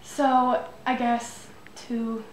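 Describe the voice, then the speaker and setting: A teen girl, a student, sounds a little high-pitched and flat as she talks very slowly, hesitating with lots of ums while she politely sets up a phone interview and asks her questions. A camera across the echoey room picks her up, along with faint music and slight hiss or hum.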